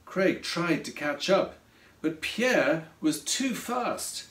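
A man narrates a children's storybook at an unhurried pace, and his pitch rises and falls with a lot of life. He sits a little way from the mic in a room with a noticeable echo. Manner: slow, expressive read-aloud. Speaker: author reading his own story. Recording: roomy echo from a distance.

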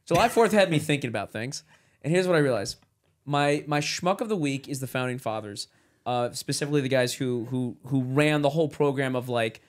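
A man co-hosting a casual comedy podcast, ranting with mock outrage and jumping up in pitch for emphasis. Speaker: podcast co-host.

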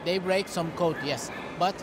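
Speaking at a measured pace in a high-sitting voice, a middle-aged dog breeder from Costa Rica gives casual interview answers in Spanish-accented speech as a native speaker. Heavy background noise comes from the busy indoor show hall, which echoes with crowd bustle.

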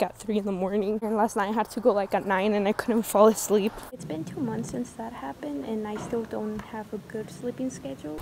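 A woman's voice: on the high side, mellow. A woman vlogging casually while walking outdoors, chatty and slangy, swearing often and poking fun at herself, filmed on a handheld phone. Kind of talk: casual vlog chat. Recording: noisy phone recording outdoors.

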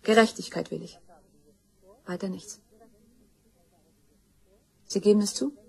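In a crime radio play, an actress fully voices a grim young woman demanding justice for her murdered mother, accusing and insistent. Her delivery is slow and medium-pitched, creaky with a breathy edge, and her mood is determined and demanding.

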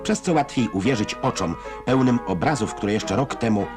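A man's voice: medium pitch, animated, normal speed. A man reading a scripted old newsreel voice-over with wry, dry ironic commentary. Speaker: newsreel narrator. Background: music.

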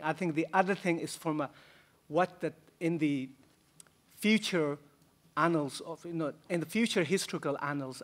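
Man, middle-aged, from Tibet, earnest, halting with fillers, seminar floor remarks, desk microphone, large conference room. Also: a little high. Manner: earnest, with frequent fillers and restarts. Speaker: audience speaker at a seminar. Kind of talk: impassioned panel remarks.

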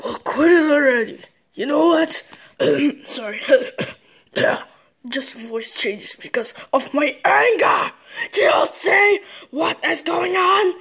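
A woman's voice: sits high, slow, gravelly, heavily acted. A woman voicing a hot-tempered male villain boss in a fan-made toy animation. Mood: exasperated. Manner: yelling, furious outbursts. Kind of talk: fan stop-motion voice acting.

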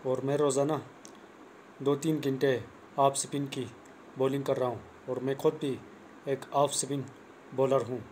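A young cricket coach vlogger gives a plain, repetitive, earnest bowling tutorial in a casual spoken style from a small room. He speaks a little slowly, with a flat delivery, long pauses, medium pitch and a darkish tone. A clip-on lapel mic and a close phone camera capture him, with a little hiss or hum.

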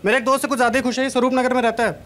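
A man's voice: very high-pitched, level tone, rapid-fire, a bit bright. A young man from Kanpur doing a stand-up comedy set on a large stage, talking into a handheld mic with a chatty, self-deprecating manner. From Kanpur, India. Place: large stage at an event, indoors.

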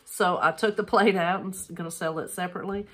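A woman's voice: on the low side, steady tone, fast, fairly bright tone. A middle-aged woman chatting casually at home on a camera mic, rambling with lots of filler ums as she shows items she has sold. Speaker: online reseller vlogger.

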